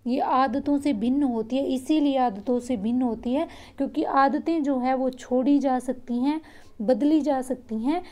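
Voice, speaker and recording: High-voiced woman teaching a lesson. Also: normal speed, darkish tone. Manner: explains each point again in simpler words, checks in often. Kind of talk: exam-prep lesson.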